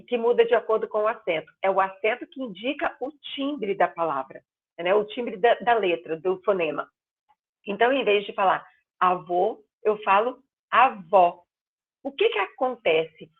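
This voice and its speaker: Woman teacher over a tinny line. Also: a little high. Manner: explains slowly, stretching and exaggerating words as examples. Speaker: Portuguese teacher. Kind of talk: online grammar class. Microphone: video call. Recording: tinny phone-line sound.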